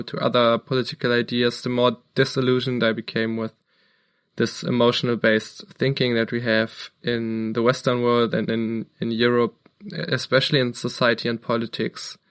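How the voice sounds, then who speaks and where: A man's voice: medium pitch, clear, resonant tone. A young man from Germany, co-hosting a podcast and talking earnestly about his background. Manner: earnest, steady, occasional restarts. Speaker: podcast co-host. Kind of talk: casual chat.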